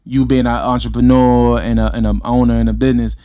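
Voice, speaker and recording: A man's voice: medium pitch, flat delivery, fast talker, dark tone, clear, resonant tone. A man, a podcast co-host chatting casually with slang and frequent affirmations.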